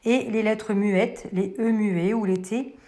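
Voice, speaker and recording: Woman, French accent, teacher explaining to parents, patient and clear, sounds spelled out slowly, mellow warm tone. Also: medium pitch, fairly even intonation. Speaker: first-grade teacher.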